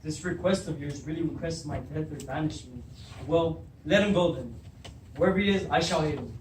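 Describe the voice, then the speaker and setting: A young student actor with a higher male voice plays a troubled, hot-tempered king of Thebes, fearful and guilt-ridden, in a readers theatre staging of Greek tragedy. He sounds bitter, speaks a little fast and acts lightly, captured by a distant mic in an echoey room with background noise.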